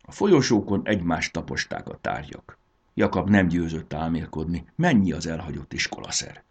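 Male narrator reading a children's story; very low, lively delivery. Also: vocal fry, slightly rough.

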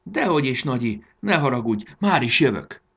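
A man's voice: mid-range voice, very animated, gravelly, fairly bright tone, slightly rough, pitched above the performer's own voice, exaggerated voice. A man voicing a curious, eager young boy in a storybook reading. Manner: eager, wondering exclamations. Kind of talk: audiobook character voice.

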